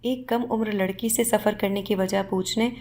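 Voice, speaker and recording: A woman's voice: mid-range voice, steady tone, a little mellow, lightly acted. A woman voicing a frightened young maid in an audio story, pleading and anxious.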